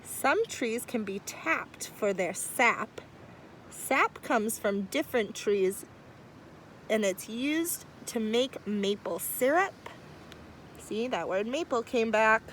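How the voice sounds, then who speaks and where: In a low-quality recording with a little hiss or hum, a woman whose voice is on the high side reads a picture book to children outdoors near trees. Her pace is slow and warm, broken up by lively, chatty side remarks.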